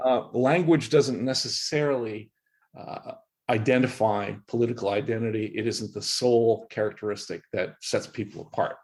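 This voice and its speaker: A fairly low, slightly mellow voice belongs to a middle-aged Canadian professor who discusses history in podcast interview answers. He talks at a moderate pace, stressing points earnestly and restarting often.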